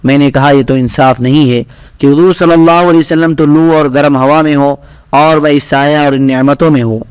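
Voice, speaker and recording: A man reading aloud scripted narration of religious stories in a steady, even manner. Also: a little high, smooth, dry recording. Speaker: reader.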